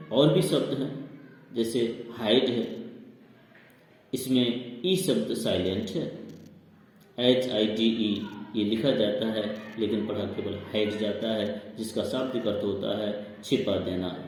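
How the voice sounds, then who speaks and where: A man's voice: lowish voice, a little mellow. A man teaching a lesson to children, spelling out words letter by letter. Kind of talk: classroom lesson on silent letters. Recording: very echoey long-reverb room.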